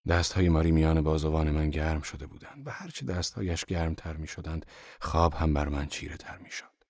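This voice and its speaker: Deep-voiced man narrating a novel. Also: no echo, studio quality. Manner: calm, measured storytelling.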